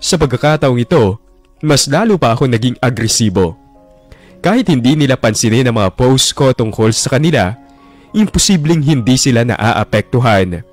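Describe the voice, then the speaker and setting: Over faint background music, an actor with a mid-range, expressive voice narrates a radio drama in first person as a jealous young man brooding over his ex. His inner monologue is bitter and resentful, lightly acted and delivered at a moderate pace.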